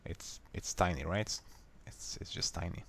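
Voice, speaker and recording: Sitting low with some vocal fry, a Hungarian-accented man, native in Hungarian, narrates a how-to screen recording of a software fix. He explains each step plainly and without hurry, over slight background noise.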